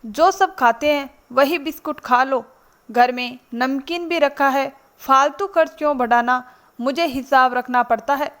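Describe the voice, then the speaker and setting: A woman's voice: high voice, measured pace, fairly bright tone. A woman voicing a harried, irritable elder daughter-in-law in a spoken storybook. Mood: defensive. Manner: irritable, defensive.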